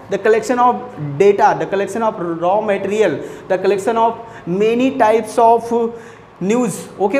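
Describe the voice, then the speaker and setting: A man teaching English grammar in Hindi, who repeats each rule and reads English example sentences slowly in an Indian accent. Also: high-pitched, darkish tone. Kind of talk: Hindi-medium grammar lesson. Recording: echoey room, faint background hiss.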